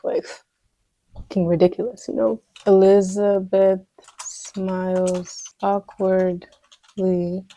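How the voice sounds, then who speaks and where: A woman's voice: mid-range voice, mellow, a little hiss or hum, poor audio. A woman vlogging casually as she writes a screenplay, rambling and chatty and talking to herself as she works out each scene. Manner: rambling, chatty, talks to herself, voices sound effects. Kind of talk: casual think-aloud screenwriting vlog.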